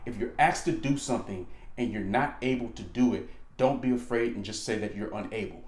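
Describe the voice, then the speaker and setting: An American man giving informal instructional talk in an animated, slangy and emphatic way, repeating points for emphasis. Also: lowish voice, a little fast. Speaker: aviation instructor, presenter. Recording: echoey room.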